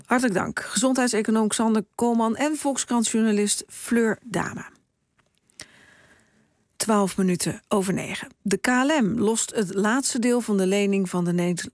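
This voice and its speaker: A woman presenting a live news radio show, asking brisk, direct questions. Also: mid-range voice, fairly even intonation, no echo, studio quality.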